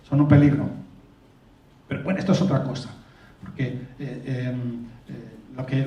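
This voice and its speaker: A man's voice: a little high, mellow. A man with a Peninsular Spanish accent, preaching a sermon as pastor in an earnest, explanatory way and often checking that the congregation follows. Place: church hall. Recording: roomy, distant, dull lo-fi church recording.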